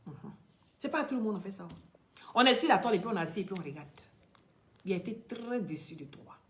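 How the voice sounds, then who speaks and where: Speaking directly to camera, this Ivorian woman, a social media commentator who grew up with Dioula or another local language, preaches emphatically in Ivorian-accented French. Her medium-pitched voice moves quickly with lively intonation, rising to loud bursts and then dropping to hushed, near-whispered remarks.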